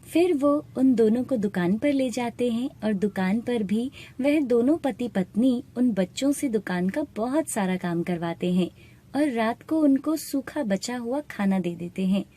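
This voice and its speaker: A woman narrating an animated moral story in a steady, plain storytelling manner. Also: a little high, a little slow, breathy edge. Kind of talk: scripted narration.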